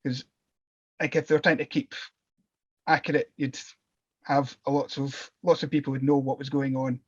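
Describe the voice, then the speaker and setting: A man's voice: medium pitch, little pitch movement, normal speed, lo-fi sound. A man in a book club panel, rambling and thinking aloud about a novel. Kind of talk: casual book discussion.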